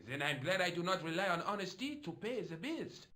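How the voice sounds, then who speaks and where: A man's voice: high-pitched, sing-song, brisk, sharp tone, full character voice. An actor playing a chatty, theatrical French café man in a video game, with a French accent. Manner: theatrical, melodramatic, fussy.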